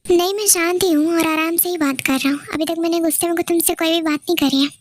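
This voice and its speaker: A woman's voice: extremely high pitch, steady tone, fast, slight background noise. A woman voicing a possessive, impatient young man in love, in a pushy and demanding way.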